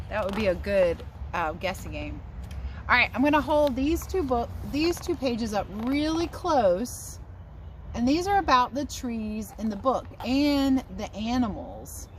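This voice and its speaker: Sitting under trees by a house, a woman teacher reads a picture book aloud to kids, chatting in casual asides and speaking encouragingly to them. She has a medium pitch with a slightly bright quality, while outdoor sounds and passing planes come through.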